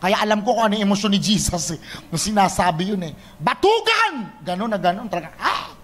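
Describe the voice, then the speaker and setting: A young man preaching a sermon, lively and teasing, switching between Tagalog and English. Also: high voice, fast. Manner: animated, mixes Tagalog and English, teasing the congregation.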